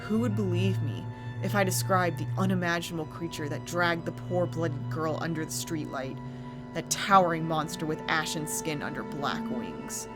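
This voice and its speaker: Low voiced lady doing spooky campfire story narration, theatrical n deliberate, music behind her. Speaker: host and narrator of a scary story channel.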